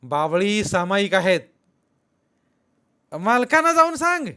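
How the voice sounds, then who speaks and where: Brief: man acting a rude, stubborn rustic shepherd, drawled high and loud for a told tale. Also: sing-song, clear, resonant tone, full character voice. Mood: defiant. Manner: slow, insolent drawl in rustic dialect. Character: blunt stubborn male village shepherd.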